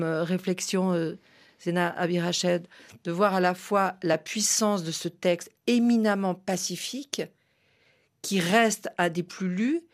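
Measured woman radio host, low voice. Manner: measured, articulate questioning. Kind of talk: radio interview.

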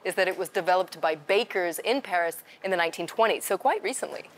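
A woman's voice: lowish voice, expressive, fast talker. A woman hosting a travel food show, reading scripted narration and recipe steps. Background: background music.

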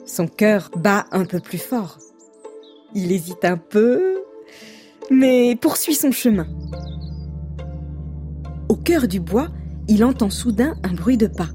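Woman, storybook narrator, slow gentle reading, mellow voice, faint music. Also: medium pitch, animated.

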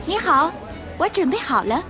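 An actress plays an eager young heroine in a language-learning radio drama, bewildered and urgent, with halting French. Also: female voice, very high-pitched, very animated, heavily acted. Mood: curious, unsure. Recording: music behind the voice.

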